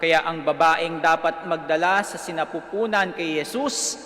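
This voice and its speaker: A male priest with a Filipino accent delivers scripture and homily. His voice is high and bright, and it rings through a big church with a long cathedral echo. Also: moderate pace. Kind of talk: liturgical reading and homily. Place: large church, over sound system.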